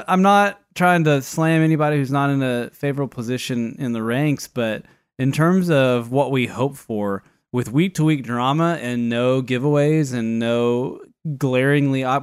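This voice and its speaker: A man's voice: mid-range voice, clear, resonant tone, dry recording, clean studio sound. Wry, wordy man on a podcast. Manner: wry, wordy and mock-formal, often facetious. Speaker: fantasy football podcast co-host. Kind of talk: casual podcast chat.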